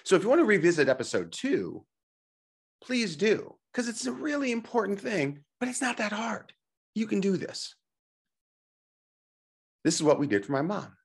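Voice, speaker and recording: A husky-voiced middle-aged man teaches in a motivational presentation. His pitch moves up and down a lot as he stresses his points. He coaches the listener directly, with rhetorical questions and quick check-ins. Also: very animated. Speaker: presenter and teacher on health technology.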